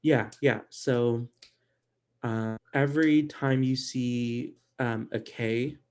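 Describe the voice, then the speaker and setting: A man teaching an online language class in a casual, halting way, with many fillers and restarts. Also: mid-range voice, darkish tone.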